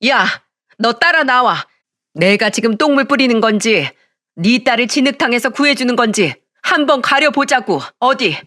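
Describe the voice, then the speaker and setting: A woman's voice: a little high, lively intonation, normal speed, bright, forceful tone, no room sound, voice pushed up. Woman putting on a pushy middle-aged woman friend, brash, scolding, dry close sound, storybook narration. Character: blunt middle-aged woman, bossy old school friend.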